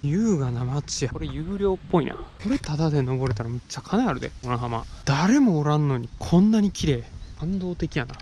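A young man with a Kansai accent talks to himself on the road, in a chatty, animated voice that sits a bit high. He is recorded outdoors on an action camera, with clear traffic and wind noise behind him. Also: fairly quick, hardly any pauses. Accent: Kansai Japanese. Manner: chatty, musing aloud to himself. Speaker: motorcycle touring vlogger. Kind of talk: casual solo travel vlog commentary. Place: outdoors, riding a motorcycle and walking a seaside town. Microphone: action camera with external mic, helmet-mounted or handheld.

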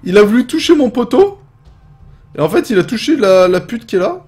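Excitable French gamer, lively swings. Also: male voice, high-pitched, a little fast, soft background music. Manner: excitable, swears often, shouts and laughs at the game. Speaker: gaming video host. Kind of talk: casual gameplay commentary.

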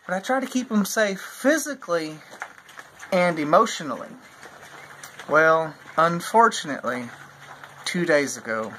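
A man in his forties making a mock-serious confession to a phone camera held at arm's length in an open barn, slow and solemn with long pauses. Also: fairly high pitch, slight background noise. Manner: slow, solemn, deadpan delivery with drawn-out pauses. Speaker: farm vlogger.

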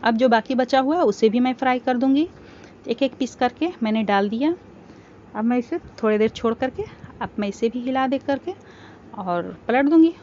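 A woman hosting a cooking channel, calmly explaining each step of a home recipe in a voice-over. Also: on the high side, moderate pace. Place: home kitchen. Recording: slightly dull home recording with faint background hiss.

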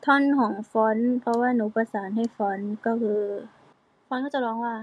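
A woman's voice: a little high, steady tone, brisk, no echo, narrow, tinny audio. A young woman, an idol singer, chatting casually with fans on a live stream, explaining song parts and breaking into short sung snippets. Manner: chatty, playful, sings snippets between explanations. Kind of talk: casual live-stream chat with singing demos.

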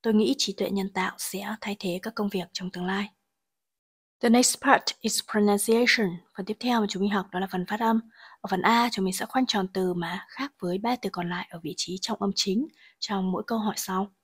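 Explaining exam answers one by one, a woman teaches English grammar and pronunciation, reading each sentence slowly and then translating it. Her mid-range voice is husky, with fairly even intonation.

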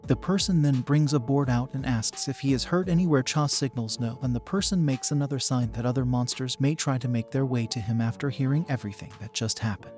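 A man narrating a comic story recap in a steady, plain storytelling manner. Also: medium pitch, brisk, few pauses, soft background music.

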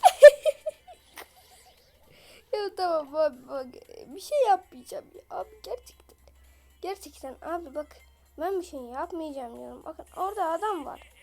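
A woman with a voice off from illness, giving excitable live gameplay commentary, chatting in slang and yelling at opponents. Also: high-pitched, normal speed, gravelly, soft background music. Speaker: gaming video creator.

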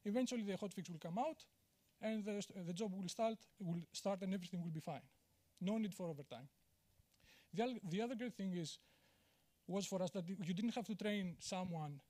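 A man's voice: high-pitched, warm tone. A man, giving a conference talk on stage in a large auditorium, candid and self-deprecating, with many fillers and restarts. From Greece. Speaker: conference speaker. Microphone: handheld mic.

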